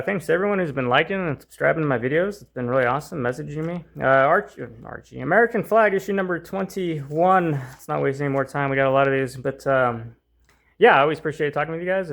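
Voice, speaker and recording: Gravelly, rambling man. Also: fairly high pitch, quick pace, fairly bright tone. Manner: rambling, many fillers and restarts. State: hot and tiring, voice strained. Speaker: comic book channel host. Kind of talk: casual unboxing chat.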